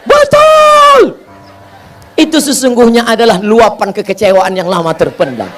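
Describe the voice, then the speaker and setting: High-voiced man giving a joking sermon. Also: expressive, brisk, soft background music. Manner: joking, rhetorical questions, rhythmic repetition. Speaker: preacher. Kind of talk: humorous sermon Q&A.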